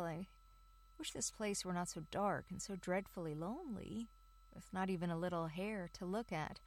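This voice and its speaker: A woman voicing a proud young fir tree in a storybook reading, musing softly on his loneliness and hopes. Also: fairly low pitch, close to an everyday voice. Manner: soft, musing inner thoughts.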